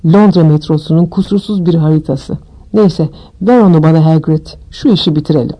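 A woman voicing an old, wise and calm male wizard with a mildly wry manner, in a storybook reading. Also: sits low, fairly quick, dull audio.

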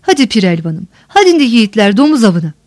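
A woman's voice: a little high, big pitch swings, fast, darkish tone, dry recording, studio quality. A woman reading the part of a boastful male frontier warrior who tells his tale with swagger. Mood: rallying. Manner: swaggering, talkative.

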